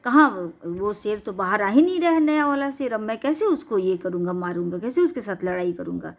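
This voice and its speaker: A boastful male lion king from a bedtime storybook, bossy and loud in his demands, as a woman storyteller puts him on. He calls out in a raised, higher voice. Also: animated, a little fast.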